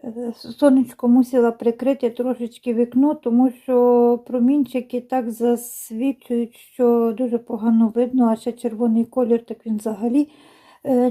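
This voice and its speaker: Woman knitting vlogger at home, mellow highish voice, rambles chattily with lots of ums. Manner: chatty, unhurried, with many fillers and restarts. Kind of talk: casual chat to viewers. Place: home, indoors by a window.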